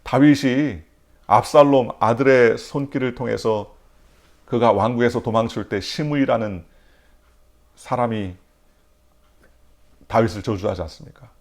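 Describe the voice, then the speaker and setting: A man preaching an early-morning sermon in a church, asking the congregation questions and answering them himself, swinging between loud emphatic lines and near-whispers. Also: medium pitch, unhurried, long pauses. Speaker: pastor.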